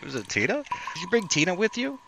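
A man improvising a comedy sketch, exasperated and deadpan. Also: high voice, fast talker, creaky, husky. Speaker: comedy podcast co-host.

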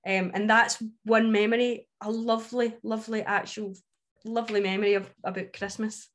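A woman's voice: mid-range voice, little pitch movement, normal speed. Female co-host, broad Scottish accent, informal and candid, casual conversational storytelling. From Scotland. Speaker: book club podcast co-host. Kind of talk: casual chat, personal storytelling.

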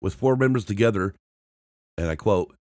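For his podcast, a man with a lowish, slightly mellow voice reads a band's history at normal speed with lively intonation, recorded close and dry without room sound. He stumbles and restarts words often and marks every quote aloud with "and I quote" and "end quote."

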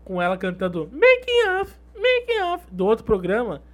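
Jokey co-host with a lively pitch. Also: moderate pace, lo-fi sound. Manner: jokey, repeats punchlines. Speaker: show editor and co-host. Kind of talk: casual chat.

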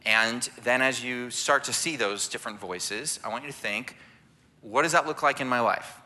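A man's voice: mid-range voice, normal speed, pushed and bright. A man leading a church sermon as families ministry director, preaching conversationally and often asking "right?" to draw in listeners. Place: church sanctuary.

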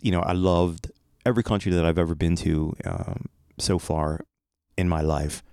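A man's voice: sits low, fairly even intonation, normal speed, vocal fry, mellow, smooth, no room sound, studio quality. A man with an American accent hosting a podcast in a casual, earnest, reflective monologue. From United States. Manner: conversational, earnest. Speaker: podcast host.

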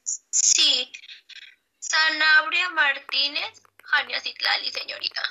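A woman with a Mexican accent playing a frail, polite elderly mother in a role-play, speaking haltingly. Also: high voice, bright, forceful tone, full character voice, poor audio. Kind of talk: amateur acted role-play.

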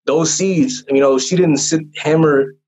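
A man's voice: on the high side, steady tone, unhurried, a little mellow. A young man tells his personal testimony in a casual chat, in an earnest, rambling way with many fillers and restarts. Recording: dull lo-fi sound.

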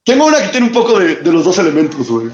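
Slangy Mexican young man, high voice. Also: big pitch swings, rapid-fire, reverberant, muffled recording. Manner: slangy, storytelling, laughs often. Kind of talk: casual chat.

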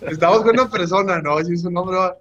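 A man's voice: high voice, racing, fairly bright tone, lo-fi sound. A young man with a Mexican accent telling a long, rambling story in slangy casual chat on a podcast. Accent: Mexican Spanish. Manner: rambling, slangy, full of restarts. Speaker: podcast guest.

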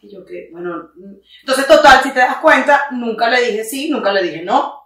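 A woman's voice: a little high, expressive, normal speed, a bit bright. A woman with a Venezuelan Spanish accent tells a story in a casual chat. She laughs often and acts out the lines of the people in it. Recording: echoey room, mic at a distance.

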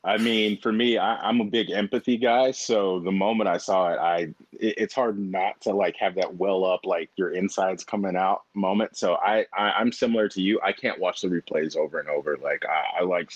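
A man's voice: deep voice, steady tone, normal speed, few pauses, no room sound. A man co-hosting a sports podcast, speaking thoughtfully with loose fillers. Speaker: podcast co-host. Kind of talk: casual sports chat.

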